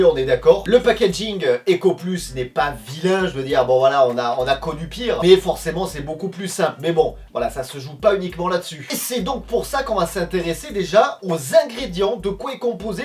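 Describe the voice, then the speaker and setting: A high-pitched man from France talks through a casual product-comparison vlog in a chatty, friendly way, full of little fillers and side remarks. He sits a little back from the mic. Faint music plays underneath. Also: far from the mic. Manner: chatty and conversational, addresses viewers as friends, with frequent fillers. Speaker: food review vlogger.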